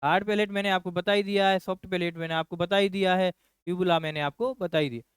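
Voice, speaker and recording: High, clear-voiced male nursing coach. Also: steady tone, fast talker, no echo. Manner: repeats key phrases and asks the class rhetorical questions; addresses students as children. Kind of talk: classroom lecture.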